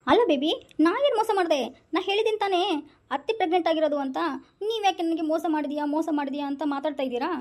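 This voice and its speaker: A woman's voice: high voice, racing, darkish tone, lightly acted. A woman voicing an exasperated young wife in a comic skit, soothing and scolding her husband.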